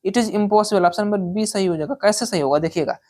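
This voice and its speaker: A woman teaching an exam-prep English lesson. She reads English sentences out slowly, explains each one in Hindi, and keeps checking in with the listener. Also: medium pitch, a little mellow.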